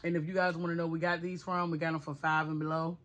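A woman vlogger reviewing candy at home in a relaxed, chatty way, laughing often. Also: sits low, fast talker. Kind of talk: casual chat. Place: home, at a table.

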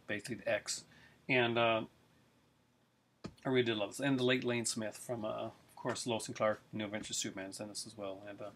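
A middle-aged man with a medium-pitched, fairly bright voice gives a casual video review of his film collection. He rambles eagerly with many fillers, recorded at close range on a webcam in his living room.

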